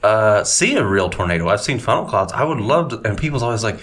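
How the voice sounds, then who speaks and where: A man's voice: lowish voice, sing-song, quick pace, fairly bright tone. A man, chatting loosely on a podcast in a meandering, folksy way. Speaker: podcast co-host. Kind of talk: casual chat.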